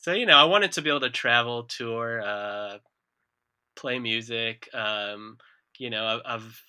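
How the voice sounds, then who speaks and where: A man talks through an easy interview chat with a very bright, forceful tone. He is relaxed and self-deprecating and chuckles often. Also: mid-range voice, a little slow, clear, resonant tone, no room sound. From Israel. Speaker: guest musician.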